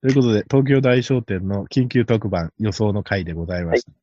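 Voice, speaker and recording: Fast, animated man hosting a casual chat. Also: lowish voice, background noise. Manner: animated and fast, laughs at his own jokes. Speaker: podcast host. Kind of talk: casual chat about horse racing picks. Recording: dry, slightly dull lo-fi recording.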